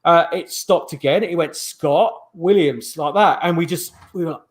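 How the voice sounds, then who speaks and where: A man's voice: a little high, steady tone, a little fast. A middle-aged man, a guest paranormal investigator, telling stories in a rambling way, full of restarts and fillers, over a video call. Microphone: video call microphone.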